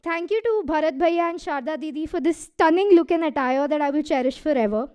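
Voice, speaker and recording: A woman's voice: sits high, a little mellow. A young woman in her twenties with an Indian English accent giving a prepared thank-you speech on a hall stage, out of breath and earnest. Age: 20s. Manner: earnest, laughs between lines.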